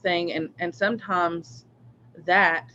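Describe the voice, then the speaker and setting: A man's voice: high-pitched, little pitch movement, takes it slowly, bright, forceful tone, slight background noise. A man hosting a live spiritual reading stream, rambling casually with many fillers and restarts. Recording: dull lo-fi stream audio.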